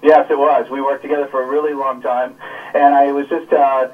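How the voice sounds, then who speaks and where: A man's voice: medium pitch, level tone, a little fast. Man calling in on a dull line. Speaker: caller, former colleague. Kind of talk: phone call to a radio show. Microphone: phone line. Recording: dull distant phone line.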